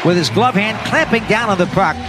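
A North American man calling live ice hockey play-by-play for radio in an energetic, descriptive running style. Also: sits high, a little fast, background noise. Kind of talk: live sports play-by-play commentary.

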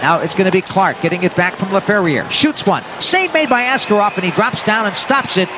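A North American man calling live ice hockey play-by-play for radio in an energetic, descriptive running style. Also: high voice, fairly quick, noisy background. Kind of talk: live sports play-by-play commentary.

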